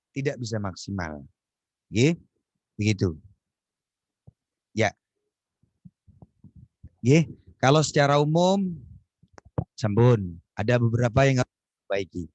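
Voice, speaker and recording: A man teaching Quran recitation on a video call, correcting students and demonstrating verses in a slow, drawn-out chant. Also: mid-range voice, big pitch swings, a little mellow, dry recording. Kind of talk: online Quran recitation lesson.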